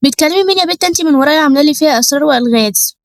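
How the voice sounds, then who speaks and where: A woman's voice: fairly high pitch, racing, no echo, studio quality, close to an everyday voice. A woman doing a nagging Egyptian mother. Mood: suspicious. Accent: Egyptian Arabic. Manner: sharp, nagging. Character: scolding suspicious Egyptian mother, middle-aged.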